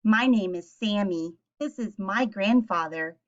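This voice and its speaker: A woman teacher with a medium-pitched voice reads a picture book aloud to young children at a measured pace. She asks them simple questions and gives clear explanations, and the recording has its highs cut off.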